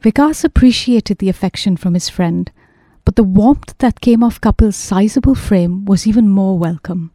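Woman narrator, audiobook, measured even read, mellow dark tone, dry studio. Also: medium pitch, dry recording.

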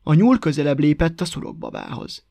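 Man reading a lively folk tale. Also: fairly high pitch, no echo. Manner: lively, repetitive storytelling rhythm. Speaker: narrator. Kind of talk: storybook reading.

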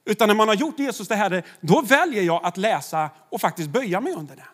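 A man's voice: sits high, expressive, fairly bright tone. A man, a pastor, preaching a sermon in a conversational way, with rhetorical questions to the congregation.

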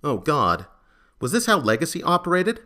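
A man narrating a serialized crime story in a measured, steady scripted reading. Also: a little high.

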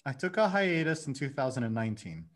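A man in his thirties, a guest on a podcast, telling his story in a lively way and acting out his own inner dialogue. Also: medium pitch, fast talker. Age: 30s. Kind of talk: casual conversation.

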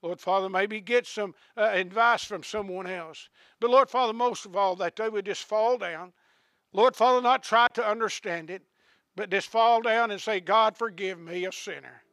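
A man preaching a sermon, repeating questions to the congregation and ending in a hushed prayer. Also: high-pitched, normal speed, dry recording, clean studio sound. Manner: rising to shouts of praise, then hushed prayer.

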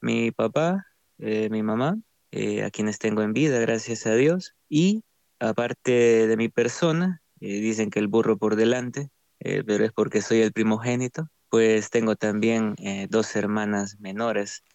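Man, young adult, Salvadoran accent, faith testimony, unhurried, fillers, gravelly, dry. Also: fairly low pitch, darkish tone, no room sound. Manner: slow, halting, with frequent fillers. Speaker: guest. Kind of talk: testimony interview.

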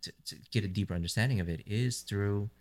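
A man's voice: on the low side, quick pace, a little mellow. A man from the United States hosting a podcast, asking long rambling questions with many fillers. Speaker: podcast host. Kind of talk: casual interview chat.

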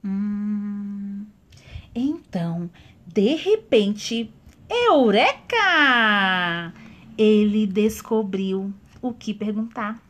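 A woman telling a children's story, animated and asking her listeners questions directly. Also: medium pitch, extremely slow.

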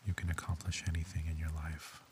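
A man speaking in a soft, tender, intimate whisper as if close to the listener's ear, in an ASMR roleplay. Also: a bass voice, completely flat delivery, quick pace, slight background noise.

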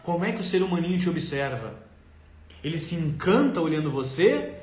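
Animated Brazilian man, high voice. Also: a little fast. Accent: Brazilian Portuguese. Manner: animated, colloquial, addresses listeners directly. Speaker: parenting speaker. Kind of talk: motivational live-stream talk. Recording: roomy echo.

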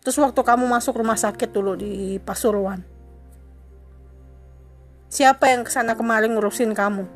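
High-voiced woman reproaching her husband. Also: moderate pace, pauses often, faint music behind. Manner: reproachful, indignant, accusing; insistent repetition. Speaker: wife confronting her husband. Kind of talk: emotional dramatic monologue.

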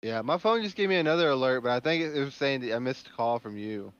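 A man's voice: medium pitch, lively intonation, fast, fairly bright tone, clear, resonant tone, muffled recording. A man co-hosting a comedy podcast, trading dry, sarcastic asides. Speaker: podcast co-host. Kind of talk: casual comedic banter.

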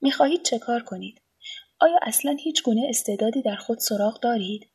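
A woman's voice: fairly high pitch, breathy edge. A woman reading a storybook voices an aloof, teasing male artist who goads a suicidal young man. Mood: provoking. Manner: calm, teasing, unbothered.

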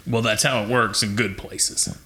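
A man's voice: lowish voice, little pitch movement, moderate pace, sharp tone, slight background noise. A man voicing a dry, politely evasive half-dragon adventurer at a tabletop game. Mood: dry, bluffing. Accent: claimed thick draconic accent.

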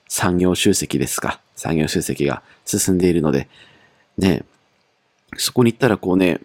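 Low-voiced chatty young man. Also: warm tone, no room sound. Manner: chatty, self-mocking, many fillers. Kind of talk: casual monologue reading his old diary.

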